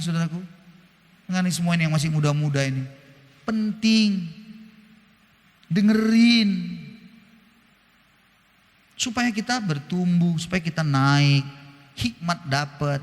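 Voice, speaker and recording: Animated male pastor in a reverberant hall. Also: a little high. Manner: animated, emphatic, shifting into quoted voices. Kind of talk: sermon with storytelling. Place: church hall. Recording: long church hall reverb.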